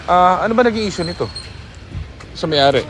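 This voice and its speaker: A man's voice: sits high, expressive, a little fast. Chatty man giving a garage tour outdoors. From Philippines. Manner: chatty, joking, showing cars off. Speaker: used car seller and vlogger. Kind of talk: casual vlog walkthrough. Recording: noisy outdoor ambience.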